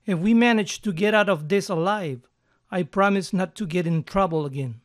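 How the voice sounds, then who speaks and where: High-voiced man teaching pronunciation. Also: no room sound, studio quality. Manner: calm, methodical, slows down to model words. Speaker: language teacher. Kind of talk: explaining English pronunciation to learners.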